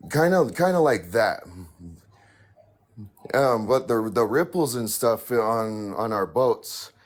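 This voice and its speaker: A man with a raspy, mid-range voice calls in to share a paranormal story. He speaks slowly and haltingly, telling it in a hesitant, casual way full of fillers and restarts.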